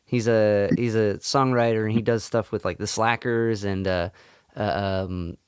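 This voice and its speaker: A man's voice: on the low side, steady tone, smooth, no echo. Eager male interviewer, dry sound. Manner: enthusiastic, halting, many fillers. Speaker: interview host. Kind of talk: casual interview.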